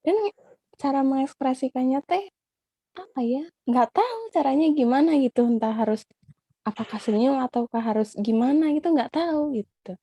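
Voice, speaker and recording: A young-sounding woman with a high, mellow voice asks her question haltingly. She fills her speech with pauses and small fillers. The sound is close and dry. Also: breathy edge, no room sound. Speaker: participant asking a question. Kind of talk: hesitant personal question.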